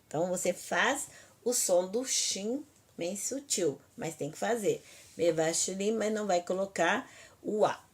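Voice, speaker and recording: Slow, patient woman teaching Hebrew. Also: medium pitch, slightly rough. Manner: patient, repeats each word slowly syllable by syllable; self-correcting, talks to students directly. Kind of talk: language lesson.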